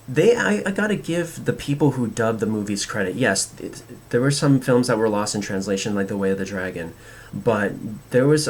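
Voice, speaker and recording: Low-pitched man, halting film commentary. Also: a little hiss or hum. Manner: halting, earnest, rambling. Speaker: host of a film commentary show. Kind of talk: casual opinionated commentary.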